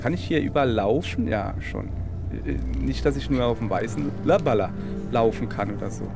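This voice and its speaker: A man's voice: mid-range voice, animated, normal speed, vocal fry. A man with a Palatinate German accent giving chatty let's play commentary, talking to his viewers and mocking himself. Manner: chatty, self-mocking, talks to viewers and the game. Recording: game music playing underneath.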